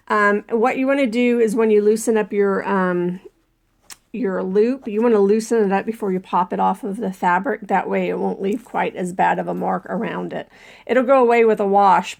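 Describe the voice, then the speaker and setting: A woman's voice: mid-range voice, gravelly. A woman with a cold, a little out of breath, chatting casually through a hands-on embroidery tutorial with lots of ums as she works her machine. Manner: chatty, many ums, talks while working the machine. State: has a cold, slightly out of breath. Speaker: embroidery channel host.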